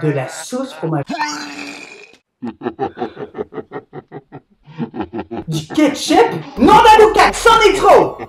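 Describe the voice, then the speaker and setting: A man putting on a put-on Québécois accent as a greedy, excitable young Canadian guy in a comic food-tasting vlog, loud and theatrical. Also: very high-pitched, measured pace, crowd noise, pitched above the performer's own voice, full character voice. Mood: mock-exorcising. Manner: loud, theatrical, shrieking exclamations. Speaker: YouTuber doing food challenges. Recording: echoey room, faint background music.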